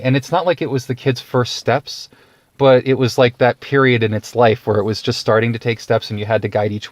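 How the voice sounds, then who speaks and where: A man's voice: medium pitch, dry recording. A man rambling through a personal anecdote in a casual, wry way, often stopping to restart his sentences. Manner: rambling, self-interrupting, wry. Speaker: vlogger telling a personal story. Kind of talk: casual storytelling to camera.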